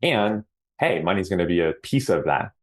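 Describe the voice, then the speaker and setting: A man from Hawaii with a notably low, deep voice, speaking as a podcast guest. He sounds earnest and reflective, stretching out the words he wants to stress. He is middle-aged and relaxed in a casual interview. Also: normal speed.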